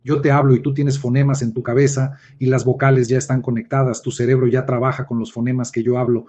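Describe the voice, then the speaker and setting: Dark-voiced man giving a musing lesson. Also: medium pitch, flat delivery, fast. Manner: addresses listener directly, musing. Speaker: lecturer. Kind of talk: reflective spoken lesson.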